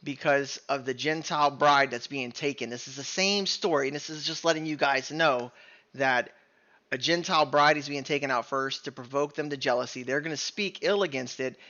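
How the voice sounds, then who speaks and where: Earnest man teaching scripture, bright voice. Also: mid-range voice, a little fast, highs cut off. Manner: earnest, conversational, many "right?" checks and self-corrections. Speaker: bible teacher. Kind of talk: informal bible teaching.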